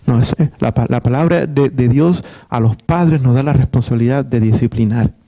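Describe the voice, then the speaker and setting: A man's voice: mid-range voice, moderate pace, gravelly, dark tone. A middle-aged man preaching a sermon as pastor, earnest, often repeating and restarting words.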